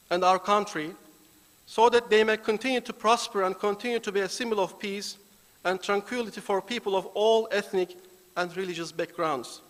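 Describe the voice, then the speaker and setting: High-voiced man praying solemnly in a hall. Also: fairly bright tone. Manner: solemn, deliberate invocation. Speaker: foundation volunteer giving the opening prayer. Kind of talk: formal prayer and address. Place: large banquet hall. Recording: reverberant hall.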